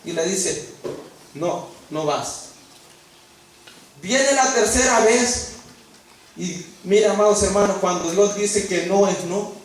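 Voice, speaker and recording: A man's voice: high voice, unhurried, slight background noise. A man preaching a sermon, acting out dialogue in changing voices. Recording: echoey room heard from a distance.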